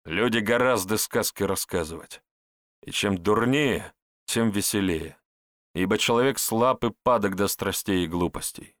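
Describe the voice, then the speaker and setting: A man's voice: lowish voice, a little slow, fairly bright tone, no echo, studio quality. A man voicing a blunt, sardonic male hero who speaks in a mocking, scornful way. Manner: mocking, scornful, plain-spoken.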